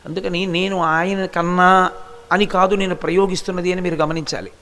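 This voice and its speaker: A man's voice: sits high, little pitch movement, brisk, bright, forceful tone. A man giving a devotional discourse, explaining points and telling stories like a patient teacher. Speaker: religious discourse speaker.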